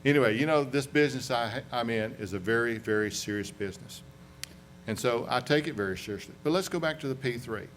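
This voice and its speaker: A man's voice: medium pitch, brisk, slight background noise. A man with a Southern US accent, an accident investigator presenting at a conference in a folksy, rambling way, with restarts and asides. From North Carolina. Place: conference room.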